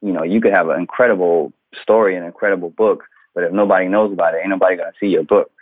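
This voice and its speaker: A man, a children's book author and illustrator, talking in a relaxed, conversational way during a phone interview over a tinny line. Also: low voice, fast, no room sound. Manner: relaxed, conversational, fills with "you know".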